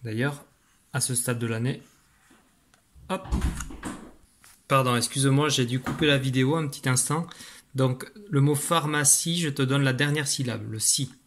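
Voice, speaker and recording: A man's voice: mid-range voice, moderate pace, long pauses, a bit bright, a little hiss or hum. A man teaching a children's dictation lesson, patiently spelling words syllable by syllable. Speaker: primary school teacher.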